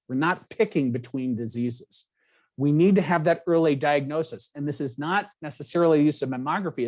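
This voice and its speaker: Man giving a measured presentation. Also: fairly high pitch, darkish tone. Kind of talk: formal presentation.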